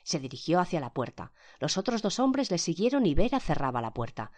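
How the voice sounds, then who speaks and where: This is a storyteller narrating a novel in a scripted audiobook read. The pitch moves widely and expressively, and each quoted character gets a voice of their own. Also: very animated, brisk. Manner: acts each character's quoted lines with pitch and loudness shifts.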